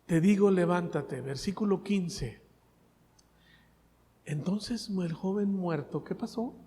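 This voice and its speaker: Preacher with a high voice. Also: male voice, slow pace, big-room sound, a little hiss or hum. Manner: asks the congregation questions; swings between loud and soft. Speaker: pastor. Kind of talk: sermon.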